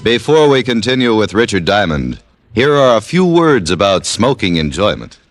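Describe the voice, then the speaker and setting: A man with an American accent delivering a scripted old-time radio advertisement as announcer, deliberate and emphatic. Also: lowish voice, sing-song, dry recording, soft background music.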